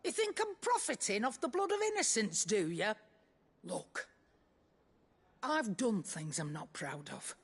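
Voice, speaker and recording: A woman playing a proud, defiant old woman with a shady past in a fantasy drama, husky-voiced, folksy and scornful. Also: mid-range voice, big pitch swings, a little slow, pauses often. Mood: indignant, defiant. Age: older. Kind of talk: scripted fantasy drama acting.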